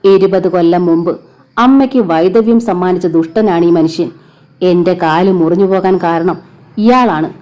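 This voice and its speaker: A woman voicing a vengeful young man who shouts accusations at his father's killer. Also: on the low side, normal speed, dull audio, lightly acted. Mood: furious. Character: vengeful young man, furious avenging son.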